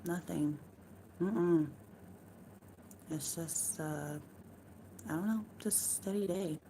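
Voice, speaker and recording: Hoarse low-voiced woman just chatting on her stream at home, slow and rambly, bit of hiss behind. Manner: rambling and loose, with frequent swearing and laughs. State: worn-out voice. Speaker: live streamer. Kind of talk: casual live-stream chat.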